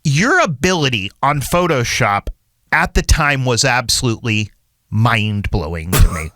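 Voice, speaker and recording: Male host, casual chat, lively swooping pitch, dry close sound. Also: a little slow, no room sound. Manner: enthusiastic, reminiscing. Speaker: podcast host.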